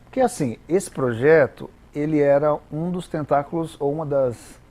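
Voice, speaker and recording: A Brazilian man with a Brazilian Portuguese accent, a guest explaining English pronunciation in a didactic, halting way with many repeated words. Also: fairly high pitch, dark tone. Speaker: interview guest, English teacher. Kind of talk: explanatory interview talk.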